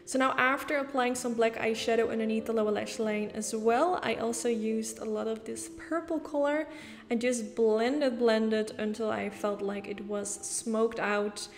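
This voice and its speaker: In a large hall, a beauty YouTuber from the Netherlands talks through a makeup tutorial in her Dutch accent, going step by step in a chatty way full of casual fillers. Her voice sits on the high side, with a steady tone and a moderate pace.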